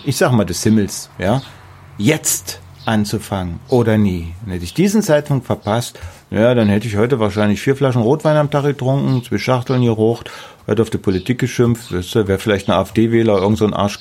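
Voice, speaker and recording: A man's voice: fairly low pitch, vocal fry, a little mellow, husky. A middle-aged man with a German accent, speaking casually and emphatically in an interview about the house he builds, often repeating words for stress. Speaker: artist building his house.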